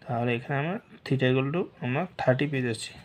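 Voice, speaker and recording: A man teaching a math lesson slowly and patiently, walking through each step and mixing English math terms into his speech. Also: mid-range voice.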